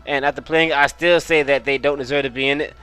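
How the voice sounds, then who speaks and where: A man's voice: medium pitch, steady tone, fast, sharp tone, smooth, faint music behind, rough recording. A man giving casual let's-play commentary on a video game, rambling, correcting himself and swearing now and then. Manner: rambling, self-correcting, profane. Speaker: gamer, video host.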